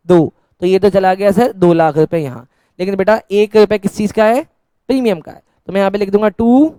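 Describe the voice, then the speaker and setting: A man's voice: high voice, darkish tone, clean tone, no echo. A man teaching an accounts lesson in a classroom style, asking questions and answering them himself as if he were the students, with teasing, scolding banter. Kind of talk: classroom-style Hindi lecture.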